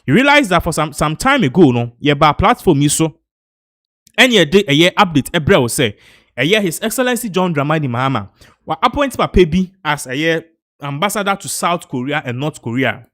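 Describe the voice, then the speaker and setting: A Ghanaian man with a Ghanaian accent gives animated news commentary, mixing Twi and English. His voice sits fairly high for a man and keeps returning to rising emphasis. The recording is dry and close. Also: moderate pace, dry recording. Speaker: online news presenter.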